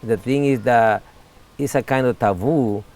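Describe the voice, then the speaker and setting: This Salvadoran man in his forties speaks in a medium-pitched, slightly mellow voice during a casual interview. He comes across as candid and earnest, his English halting and non-native.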